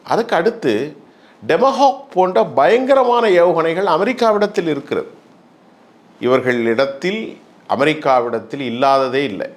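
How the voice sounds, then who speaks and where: A man, a journalist, giving news analysis commentary, listing items in a measured, emphatic cadence. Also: a little high, lively intonation.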